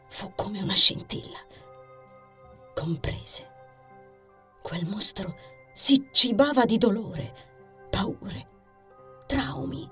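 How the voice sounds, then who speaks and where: A woman reads a fantasy story aloud as an audiobook narrator, her voice sitting in a middle register. She performs the text theatrically, sinking to near-whispers and then rising into forceful, loud passages. Soft music plays quietly underneath. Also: medium pitch. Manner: expressive, theatrical reading with sharp shifts in loudness.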